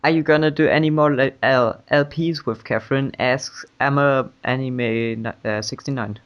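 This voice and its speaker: A man's voice: medium pitch, normal speed. A man hosting an interview, reading out viewer questions and stumbling over usernames. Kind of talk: livestream interview. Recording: dull lo-fi audio.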